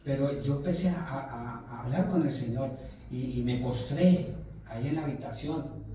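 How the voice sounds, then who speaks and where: A man's voice: medium pitch, normal speed, dark tone, slight background noise. A man preaching a Bible study, telling his testimony with emotion and repeating phrases for emphasis. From Colombia. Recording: very echoey room, mic far off.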